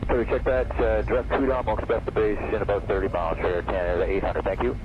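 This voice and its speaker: A man's voice: lowish voice, fairly even intonation, fast. A man as an airline pilot speaking over a headset radio, giving clipped readbacks. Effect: aviation radio. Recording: muffled, noisy aviation radio channel.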